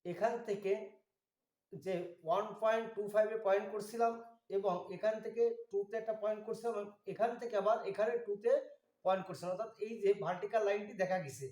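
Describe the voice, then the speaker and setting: Guy with a high voice doing a drawing lesson, slow and careful, roomy echo. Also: darkish tone. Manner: slow, methodical, pointing out each step. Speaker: drawing instructor. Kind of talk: step-by-step drawing tutorial.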